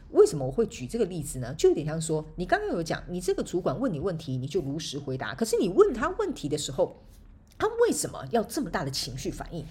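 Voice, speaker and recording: A woman's voice: fairly low pitch, a little mellow, husky. A woman hosting a solo podcast, giving casual advice in a chatty, playful way full of laughing asides. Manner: chatty, frequent laughing tag particles, playful examples. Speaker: podcast host and motivational speaker.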